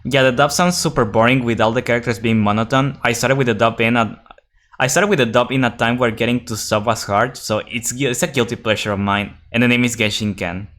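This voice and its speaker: Young guy streaming a game, rambles and restarts his sentences a lot, reads the game text out loud. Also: mid-range voice, steady tone, fairly quick. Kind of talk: casual live-stream chat and reading game text aloud.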